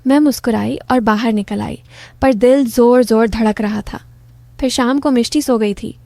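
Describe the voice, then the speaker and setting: A woman's voice: on the high side, normal speed, gravelly, warm tone, no echo. A middle-aged woman narrating a first-person story in a confiding, intimate manner.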